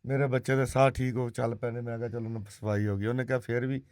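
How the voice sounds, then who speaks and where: A father talks fast and rambles, repeating other people's words as he explains his child's treatment. His voice sits at a medium pitch. The recording is close and dry. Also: flat delivery, a little mellow, dry recording. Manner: rambling, recounts dialogue, brief assenting replies. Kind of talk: casual chat.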